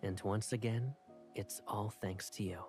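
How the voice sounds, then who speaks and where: An actor playing a calm, tender young male love interest in a video game, soft-spoken and reassuring. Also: fairly low pitch, a little slow, over music.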